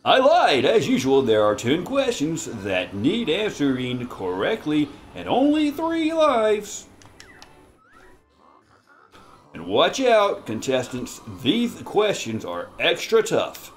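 A man voicing a scheming duck quiz show host from a video game, with slow, theatrical, gloating villain menace. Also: fairly high pitch, wildly swooping pitch, pitched above the performer's own voice, full character voice. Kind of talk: reading game dialogue in character.

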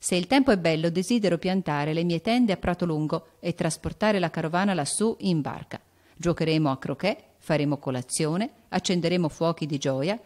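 A woman's voice: lowish voice, a little mellow, natural voice. A woman voicing a cheerful, playful teenage boy's letter in an audiobook. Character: cheerful rich teenage boy writing a letter. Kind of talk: audiobook character voice.

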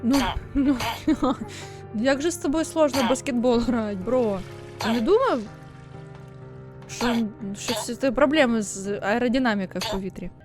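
A woman's voice: a little high, lively intonation, normal speed, music in the background. A woman streamer giving let's play commentary, sarcastic and swearing as she mocks the game's baby. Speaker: gaming streamer.

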